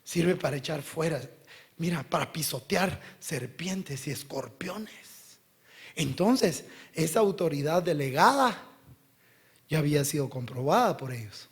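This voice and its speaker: A male pastor preaching a sermon, talking directly to the listener and swinging between loud bursts and hushed lines. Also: on the high side, lively intonation, unhurried, gravelly.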